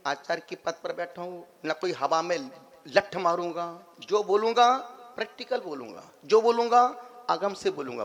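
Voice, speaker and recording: A man, a monk, gives a lively sermon, repeating phrases, swinging between loud and soft, and acting out everyday scenes for humour. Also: high-pitched. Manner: humorous, acts out everyday scenes. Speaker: Jain monk giving a discourse.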